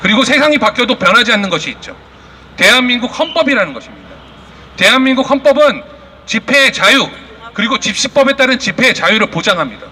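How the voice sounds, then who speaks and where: A man with a very high, sing-song voice speaks at a quick pace as the moderator of a rally and press conference, delivering a fiery, indignant protest speech full of accusations and rhetorical questions. It comes through a loud public address with long reverb and slight background noise.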